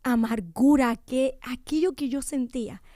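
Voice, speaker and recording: A young woman tells her personal testimony with raw intensity, and her voice often sinks to a hushed near whisper. Her voice sits fairly high, with a soft, mellow tone. The studio sound is close and dry. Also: unhurried, dry recording. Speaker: guest giving a testimony. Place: radio studio.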